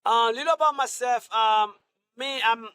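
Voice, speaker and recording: A middle-aged Haitian man running for the Senate answers interview questions haltingly, with many restarts and fillers. His pitch is extremely high, his tone pushed, bright, clear and resonant.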